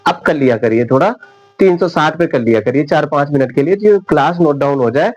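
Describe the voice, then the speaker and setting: A man teaching English spelling rules at a whiteboard, repeating each example word slowly and often checking whether his viewers understand. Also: fairly high pitch, lively intonation, a little mellow, dull audio. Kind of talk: whiteboard classroom lesson.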